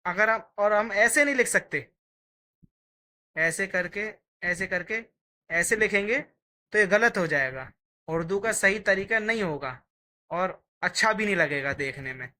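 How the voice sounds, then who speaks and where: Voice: mid-range voice, animated, moderate pace, pushed and bright. A teacher giving a patient, step-by-step Urdu writing lesson, sounding out each letter while writing it.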